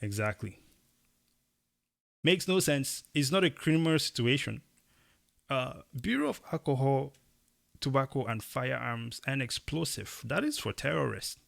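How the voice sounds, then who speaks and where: Casting: young male co-host from Cameroon, gravelly voice, emphatic delivery with animated bursts. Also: mid-range voice, a little slow, long pauses. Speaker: podcast co-host. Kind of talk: casual opinion chat.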